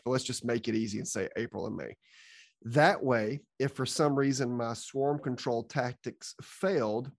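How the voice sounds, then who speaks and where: Methodical man explaining on a podcast. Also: mid-range voice. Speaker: podcast co-host and beekeeping expert.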